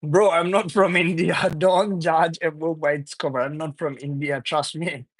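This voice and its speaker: A young man from Bangladesh hosts a casual late-night livestream, his fairly high voice steady and moderately paced with no room sound. Chuckling often, he reads viewer comments aloud and answers with loose, repetitive, teasing banter.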